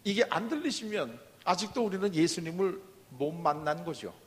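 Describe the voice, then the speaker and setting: A man's voice: sits high, lively intonation, normal speed. A man preaching a sermon as a pastor, asking the congregation questions and answering them himself. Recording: long reverb of a large hall.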